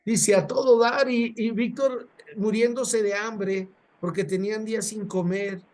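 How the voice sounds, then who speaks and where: A male preacher with a Mexican accent telling a story in a sermon, colloquial and animated, often repeating words. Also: sits high, a little slow.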